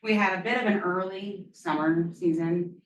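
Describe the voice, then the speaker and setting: A woman with a fairly low voice lectures at a moderate pace about a virus, chatting casually with lots of ums and throwaway jokes at her own expense. She is an infectious disease lecturer, and the clip was captured from a distance in a spacious lecture hall.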